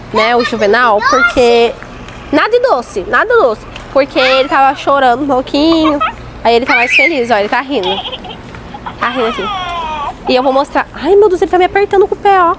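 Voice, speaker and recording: Woman, high voice, excitable, playful mock alarm, casual vlog, handheld phone, noisy supermarket. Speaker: mother filming a family outing. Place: indoor supermarket aisle. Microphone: handheld phone camera. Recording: noisy store ambience.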